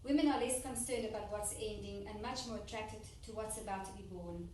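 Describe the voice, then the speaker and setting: A woman's voice: mid-range voice, normal speed. Woman interpreting a speech in an echoey hall. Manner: steady, plain rendering with small restarts. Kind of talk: consecutive interpretation into English. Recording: echoey hall, distant mic, faint noise.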